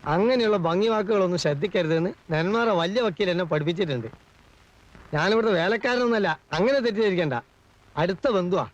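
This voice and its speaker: A man playing a fussy middle-aged hanger-on from an old film comedy, talking. He is excitable, gossipy and full of his own importance. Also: sits high, fairly quick, highs cut off, close to an everyday voice. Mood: boastful.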